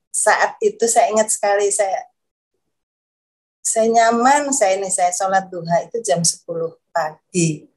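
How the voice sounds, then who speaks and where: A guest with a mid-range, darkish voice tells her conversion story in a casual, halting way. She repeats phrases and gropes for words, growing emotional, and her voice climbs when she's moved.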